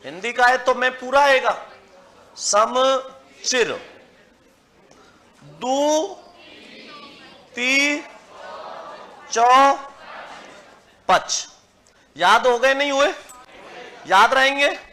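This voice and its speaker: A man's voice: very high-pitched, lively intonation, bright, forceful tone. A man teaching Hindi grammar to a class, quizzing students and having them repeat lists after him. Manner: drills lists slowly, syllable by syllable. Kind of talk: classroom lecture.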